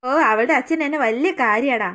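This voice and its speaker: A woman's voice: high-pitched, brisk, a bit bright. A woman voicing a headstrong young man in a cartoon, brusque and impatient.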